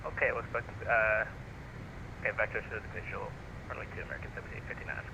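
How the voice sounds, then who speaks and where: A man's voice: fairly low pitch, fast. A man making hesitant pilot radio calls to air traffic control, full of fillers and corrections, over a choppy radio transmission that breaks up. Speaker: pilot in an online flight simulation. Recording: dull lo-fi radio with static noise.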